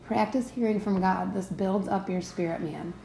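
A woman hosts a devotional teaching podcast in a relaxed, conversational way, often checking in with her listeners. Her voice is mellow and gravelly. It sits in a roomy space with faint ambience behind it. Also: mid-range voice, normal speed, slight background noise. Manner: conversational, checks in with "right?" and "okay?". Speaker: podcast host teaching faith.

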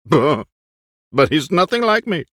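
A man's voice: fairly high pitch, very animated, unhurried, a bit bright, no echo, studio quality, pitched above the performer's own voice, exaggerated voice. A man performing a nervous, vain, aging Spanish stage actor who talks in theatrical, frantic outbursts. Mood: rambling.

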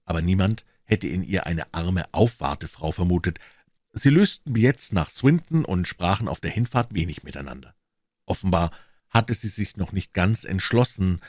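A man narrating an audiobook in an expressive, lively reading style. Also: low voice, moderate pace, no room sound, clean studio sound. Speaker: audiobook reader.

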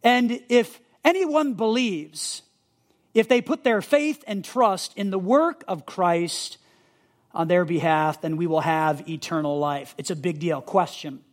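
High-voiced earnest male pastor. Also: a little slow. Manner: earnest, emphatic, repeats key words. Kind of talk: sermon teaching with fill-in notes.

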